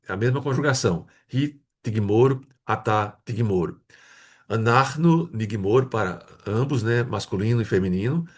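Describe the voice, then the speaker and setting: Husky-voiced man patiently teaching grammar. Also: mid-range voice. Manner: patient, repeats words slowly and checks in with "né?". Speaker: Hebrew teacher. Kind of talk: explaining a grammar lesson.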